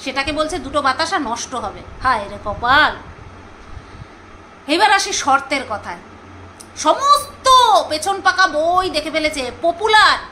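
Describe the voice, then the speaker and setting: A woman chatting casually to her viewers, gossipy and talkative, often pausing to search for names aloud. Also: high voice, sing-song, bright, forceful tone, a little hiss or hum, low-quality recording. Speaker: vlogger reviewing a serial.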